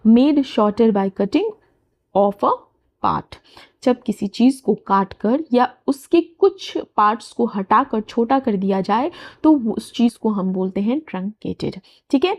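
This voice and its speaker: A woman teaching English newspaper vocabulary, saying English phrases slowly and explaining them in quick everyday speech, often checking that listeners follow. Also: a little high, a little mellow. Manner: checks understanding with frequent "theek hai". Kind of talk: bilingual vocabulary lesson.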